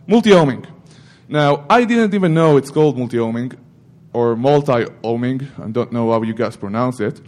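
A middle-aged man rambles through an informal technical talk at a security conference, correcting himself and tossing jokes to the audience. His voice is fairly high and a little mellow.

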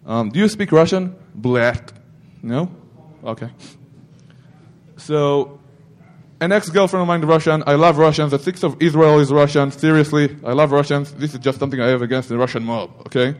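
Middle-aged guy rambling through a security talk, fairly high voice, keeps correcting himself and cracking jokes at the crowd. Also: normal speed. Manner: rambling, self-correcting, joking asides to the audience. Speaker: security conference speaker. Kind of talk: informal technical talk.

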